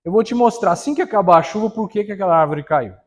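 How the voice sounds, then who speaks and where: A preacher voicing a calm old grandfather. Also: sits high, quick pace. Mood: calm, explaining. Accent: Brazilian Portuguese. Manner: calm, patient explaining. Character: calm wise old grandfather, farm owner.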